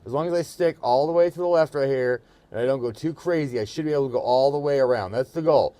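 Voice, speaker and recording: A man giving casual, excited commentary as he drives, with slangy, swear-filled talk. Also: medium pitch, fast. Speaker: FPV RC car video creator.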